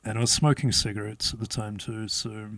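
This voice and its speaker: A man's voice: fairly low pitch, fairly even intonation, fairly quick, a bit bright, no echo. A man, telling a story as an interview guest in a laid-back way, swearing often and laughing as he goes. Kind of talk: casual storytelling.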